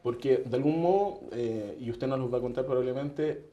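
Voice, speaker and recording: A man's voice: medium pitch, moderate pace, reverberant, lo-fi sound. A man hosting a TV interview, talking conversationally with fillers.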